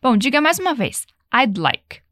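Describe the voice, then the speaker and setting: A young Brazilian woman with a slightly high voice teaches an English lesson. She repeats each phrase slowly and patiently so the learner can follow. The sound is dry and close, with no room echo. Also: big pitch swings, fairly bright tone. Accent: Brazilian Portuguese. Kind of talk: language lesson.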